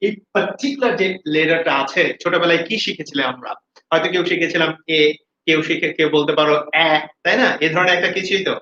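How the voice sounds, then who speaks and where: A man's voice: fairly high pitch, fast talker, sharp tone. A man teaching English pronunciation in a video lesson. He speaks energetically and repeats each word so students can say it after him. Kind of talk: classroom-style video lesson, mixing Bengali and English. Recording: roomy, dull recording with faint hiss.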